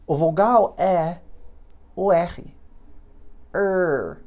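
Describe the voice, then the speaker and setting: Unhurried teacher, man. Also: mid-range voice, animated, vocal fry, darkish tone. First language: English. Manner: patient, repeats sounds slowly with drawn-out examples. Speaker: English teacher. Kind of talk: pronunciation lesson.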